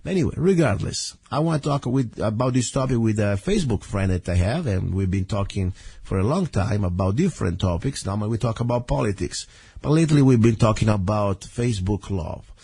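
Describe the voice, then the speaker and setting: A man hosting a casual radio show in a rough caveman voice, hoarse and congested from a heavy cold, talking in a rambling, informal way. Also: lowish voice, lively intonation, a little fast, mellow, no echo.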